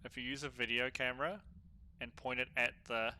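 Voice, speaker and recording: A man doing casual solo gameplay commentary, chatty and slangy as he thinks out loud. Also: medium pitch, steady tone, fairly quick, smooth. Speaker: gaming streamer.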